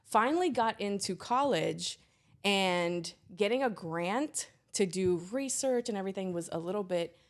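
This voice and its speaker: A woman's voice: medium pitch, measured pace. A young woman from Trinidad talks through her career as a guest on a podcast. She tells her story in a loose, chatty way, full of "like" and "you know", with a mid-range voice. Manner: chatty, animated storyteller with many fillers. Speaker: guest, geologist. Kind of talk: casual interview chat.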